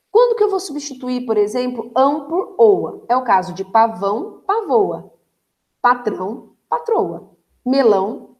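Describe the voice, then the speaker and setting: A Brazilian woman teaches a recorded grammar lesson in a fairly high voice. She explains patiently, checks understanding with quick tag questions, and slows down to stretch words so their syllables stand out. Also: a little mellow. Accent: Brazilian Portuguese.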